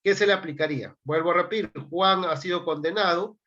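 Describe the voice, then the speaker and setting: A man's voice: sits high, a little fast, sharp tone, muffled recording. A man giving a law class, reading statute articles aloud and prompting his students to answer. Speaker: law lecturer. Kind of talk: classroom lecture.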